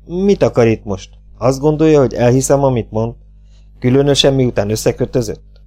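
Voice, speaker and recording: A man's voice: mid-range voice, faint music behind, lightly acted. Man doing a blustering, furious sheriff. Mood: irritated, suspicious. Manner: blustering, loud and exasperated. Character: angry, humiliated middle-aged male town sheriff.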